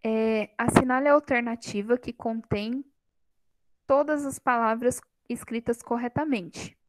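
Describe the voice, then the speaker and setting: A woman's voice: fairly high pitch, steady tone, unhurried, noisy background. A woman teacher giving a grammar lesson in a classroom on a microphone, quizzing her students and teasing them lightly. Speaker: Portuguese teacher.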